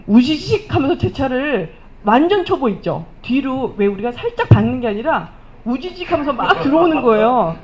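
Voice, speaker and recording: A middle-aged woman giving a motivational stage testimony, telling stories animatedly and acting out the remarks she quotes. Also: on the high side. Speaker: speaker at a business recognition event. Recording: dull lo-fi event recording.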